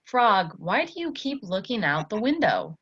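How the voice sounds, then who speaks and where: A woman voicing a gloomy, grumpy male toad from a children's story, with plaintive, expressive emphasis. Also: medium pitch, a little slow, dull audio, a little hiss or hum, pitched above the performer's own voice. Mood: doubtful, gloomy.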